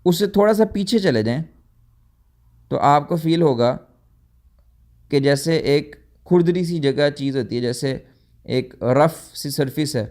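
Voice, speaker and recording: A man's voice: on the high side, darkish tone. A man giving a tajweed lecture, explaining step by step, sometimes correcting himself and mixing in English words. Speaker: tajweed teacher. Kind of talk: recorded lecture.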